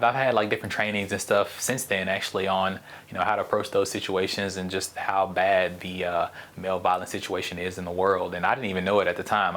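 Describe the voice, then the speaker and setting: Low and a bit bright, the man's voice carries a relaxed solo podcast episode. He talks bluntly, swears freely, and keeps wandering off and starting his sentences over.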